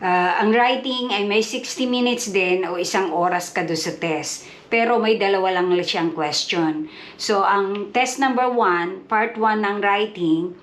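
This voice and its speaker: A woman, explaining an English test in a casual vlog. She talks in an unhurried way, with many fillers, mixing English terms into Tagalog. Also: medium pitch. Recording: echoey room with faint background noise.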